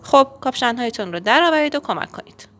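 A woman voicing a brisk, caring farm mother who hurries her children along in a children's storybook. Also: a little high, animated, a bit bright, voice pushed up.

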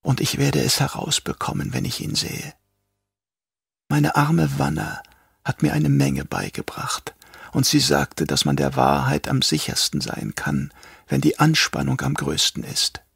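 Man voicing a crazed old traitor doctor, whispery, drawn-out, gravelly, husky, slightly raised pitch, audiobook. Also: very animated, a bit bright, no room sound, studio quality, heavily acted. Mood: sly menace. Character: old male traitor doctor, mad, sly, soft-spoken.

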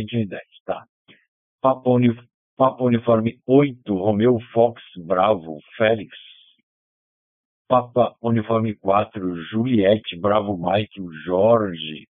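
A man's voice: fairly low pitch, dry recording. Brazilian man over narrowband ham radio. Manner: courteous, formal radio operator talk with phonetic call signs. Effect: over amateur digital voice radio. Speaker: amateur radio net host. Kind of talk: roll call and sign-off over ham radio. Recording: phone-like narrowband radio transmission.

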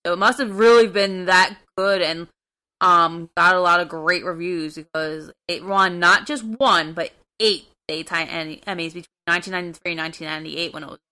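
A woman's voice: on the low side, steady tone, fairly quick, pushed and bright. A woman in her thirties in casual chat, agreeable and chatty. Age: 30s.

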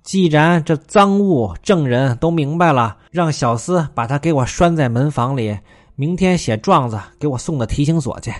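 A man's voice: on the high side, lively intonation, moderate pace, natural voice. A man playing a bellowing, wrathful rich master. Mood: commanding. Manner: bellowing, accusing.

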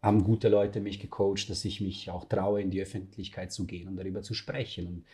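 Low, mellow-voiced man reflecting personally. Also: steady tone, a little fast. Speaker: guest. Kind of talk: casual conversation.

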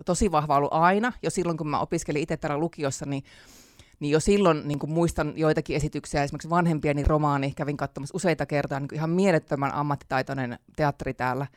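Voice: medium pitch, steady tone, no room sound, clean studio sound. Chatty laughing author speaker. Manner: chatty, many fillers, laughs often. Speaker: author and theatre teacher, interview guest. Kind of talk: casual interview chat.

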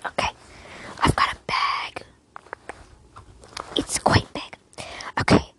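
A woman's voice: slow, fairly bright tone. A woman voicing a friendly female clothing store salesperson in a whispered role-play, with casual fillers. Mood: helpful.

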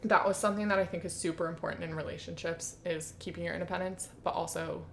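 A woman's voice: lowish voice, fairly even intonation, fast talker, gravelly, slight background noise. A young woman co-hosting a podcast, chatting casually, with lots of "like" and laughter. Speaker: podcast co-host. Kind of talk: casual chat.

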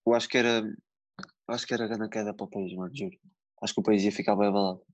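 A man's voice: fairly low pitch, steady tone, very fast, no room sound, highs cut off. A young man with a European Portuguese accent chatting casually in slang, with frequent swearing. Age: young adult. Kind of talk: casual chat.

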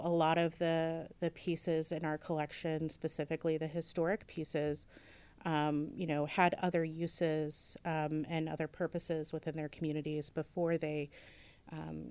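A woman's voice: sits low, little pitch movement, a little slow, darkish tone, clean tone. A woman museum curator answering interview questions, thoughtful and hesitant, with many fillers and restarts. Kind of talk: interview conversation.

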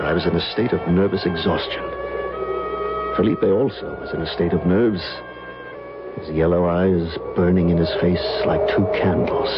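In an old-time radio drama, an actor voices a haunted, nervous gentleman recalling the terror of decades past, narrating in first person in a fraught, dramatic way. His pitch is low, and the dull vintage recording carries loud music behind him.

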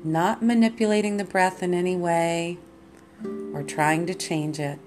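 A woman leading a guided meditation as host and teacher, in a calm, soothing, meditative manner. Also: fairly low pitch, measured pace. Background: plucked guitar music.

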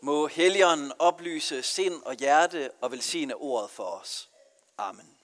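Male pastor from Denmark, earnest sermon delivery, slightly high voice, long church echo. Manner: earnest preaching with marked rises and falls in emphasis.

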